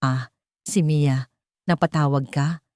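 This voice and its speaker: A woman's voice: medium pitch, moderate pace, dry recording, clean studio sound, pitched above the performer's own voice, lightly acted. A woman voicing a cold, weary man. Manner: cold, flat delivery. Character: cold, weary adult man ending a relationship.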